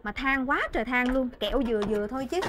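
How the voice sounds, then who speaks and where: An actress playing a nagging, devout housewife in a stage comedy sketch. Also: female voice, high-pitched, fast, background noise, close to an everyday voice. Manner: nagging, then hushed prayerful murmur.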